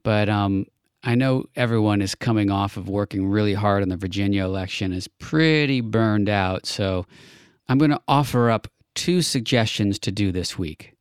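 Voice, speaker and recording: Male podcast host, low and smooth voice, earnest, unscripted, dry close mic. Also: normal speed, no room sound. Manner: earnest, with thinking fillers. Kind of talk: casual political chat.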